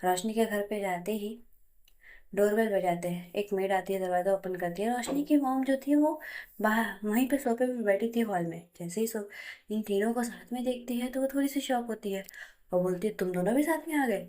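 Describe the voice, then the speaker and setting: A woman's voice: mid-range voice, normal speed, dark tone. A woman narrating a romantic story in a plain, chatty way, voicing all the figures herself.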